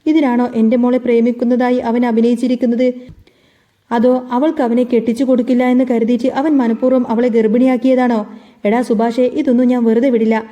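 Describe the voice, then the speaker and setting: Lady doing a furious mom yelling curses down the phone, dark mellow voice. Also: a little high, flat delivery, a little fast, muffled recording, natural voice. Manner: shouting, scornful. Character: furious middle-aged mother cursing over phone.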